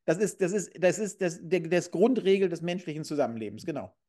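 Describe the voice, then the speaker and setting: A man's voice: a little high, fairly quick, warm tone. A middle-aged man co-hosting a casual comedic chat over a video call from home, blunt and crude as he tells stories. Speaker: co-host. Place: room at home, indoors. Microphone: video call webcam.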